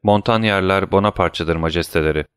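An eager young prosecutor speaks up earnestly before the king, as a male reader puts him on. He sounds apologetic yet keen, a little higher than the reader's own voice. The recording is dry. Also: brisk, fairly bright tone, smooth, no echo.

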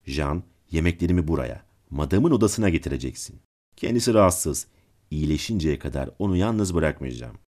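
Man voicing a stern nobleman count, icy, commanding, very low voice, storybook. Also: expressive, fairly quick, darkish tone. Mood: cold. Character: cold, controlling middle-aged nobleman count.

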